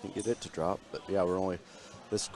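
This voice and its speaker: A man giving easygoing color commentary at a high school basketball game, with chuckling asides. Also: steady tone, brisk, over music. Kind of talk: casual sports commentary.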